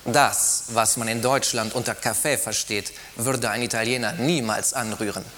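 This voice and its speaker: A man's voice: medium pitch, steady tone, normal speed, pushed and bright, slight background noise, lightly acted. A man voicing a sly, cheerful Italian waiter who speaks in a breezy, knowing way.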